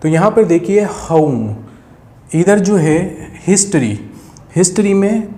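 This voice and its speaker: A man's voice: fairly high pitch, a little mellow. A man teaching English phonetics, patiently repeating key sounds and addressing viewers as friends. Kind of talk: explaining a lesson at a board.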